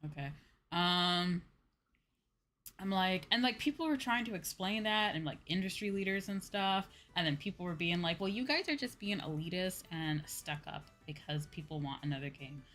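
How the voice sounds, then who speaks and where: Background music fills the stream as a woman VTuber games and chats, casual and slangy with a touch of exasperation. She speaks at a moderate pace in a fairly low, fairly bright voice.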